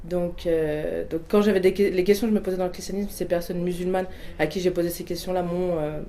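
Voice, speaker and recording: Answering questions about her own experience, a woman in her twenties of Portuguese background speaks with frequent fillers, hesitations, and restarts. Her dark voice is fairly low and fairly even in intonation, a little fast, with slight background noise.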